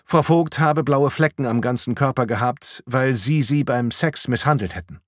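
A man's voice: mid-range voice, moderate pace, dry recording, clean studio sound, lightly acted. A man voicing a female police officer who presses accusations in an audiobook. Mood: pressing. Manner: pressing, pointed.

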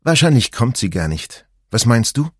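A man's voice: medium pitch, very animated, normal speed, no room sound, studio quality, pitched above the performer's own voice. A man voicing a mother of two boys in an audiobook, speaking in a lightly teasing way. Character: mother of two boys, woman, 40s, easygoing.

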